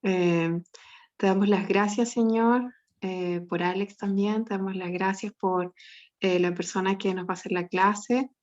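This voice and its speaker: A woman's voice: mid-range voice, fairly even intonation, a little slow, a little mellow, lo-fi sound. A woman leading an opening prayer in a spontaneous, fervent manner, addressing God again and again. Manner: fervent, repeats "Señor" often. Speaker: class participant leading prayer.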